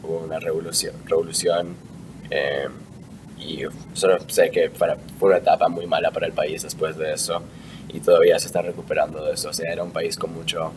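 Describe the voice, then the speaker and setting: Deep-voiced young man, hesitant, distant mic. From Argentina. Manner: hesitant, many fillers and restarts. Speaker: interviewee. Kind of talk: casual interview answers. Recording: distant mic with clear background noise.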